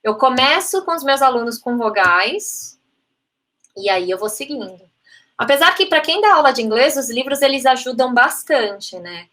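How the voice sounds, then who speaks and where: A woman's voice: high voice, lively intonation, normal speed, bright, forceful tone. A woman with a Brazilian Portuguese accent, a language teacher giving a live online talk on phonetics, chatty and dropping in English terms. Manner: chatty, frequent "né?" tags, mixes in English terms. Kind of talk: live online talk answering chat questions.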